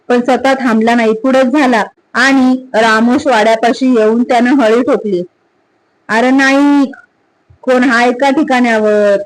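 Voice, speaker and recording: A woman's voice: a little high, no room sound, low-quality recording. A woman storyteller narrating a village folk tale expressively.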